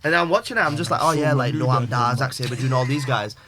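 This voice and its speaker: A young Pakistani man, a wrestler appearing as a podcast guest, chats loosely at a fast clip in a medium-pitched voice, with crowd noise behind him. His talk rambles, leans heavily on fillers, and is peppered with British slang.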